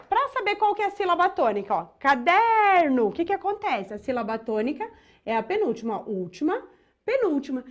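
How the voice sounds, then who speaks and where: Lively high-pitched woman teaching. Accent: Brazilian Portuguese. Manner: explains step by step with frequent checks like "tá?" and "ó". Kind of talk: exam-prep lesson.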